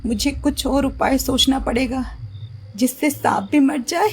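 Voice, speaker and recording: A woman's voice: high-pitched, fairly even intonation, unhurried, darkish tone, husky, voice pushed up, heavily acted. A woman voicing a fussy, watchful mother-in-law in a storybook, suspicious and particular about cleanliness. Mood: disgusted. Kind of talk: storybook voice acting.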